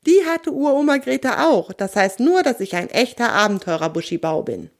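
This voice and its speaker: A woman voicing an eager little male creature who wants to be an adventurer, talking in an excited, high voice in a children's audio story. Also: moderate pace.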